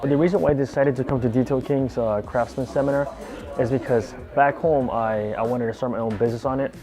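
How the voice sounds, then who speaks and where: A man's voice: medium pitch, fairly even intonation, a little fast, music in the background. A man from California giving an eager, earnest testimonial as a seminar student. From Lawndale, California. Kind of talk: testimonial interview.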